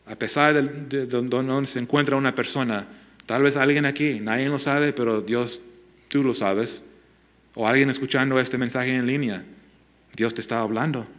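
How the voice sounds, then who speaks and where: A man preaching a sermon as a pastor, earnest and pleading, often restarting words and dropping to soft appeals. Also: medium pitch, fairly even intonation, moderate pace. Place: church sanctuary.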